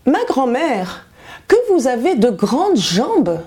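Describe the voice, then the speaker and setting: Naive little storybook girl, voiced by a woman, innocent and wondering, slow and a touch high. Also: big pitch swings, mellow, heavily acted.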